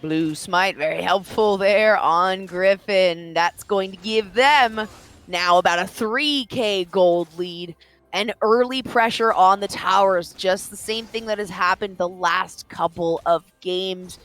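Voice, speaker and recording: A woman casting a live esports match, excitable and playful, stretching words for emphasis. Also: medium pitch, slow. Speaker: esports caster.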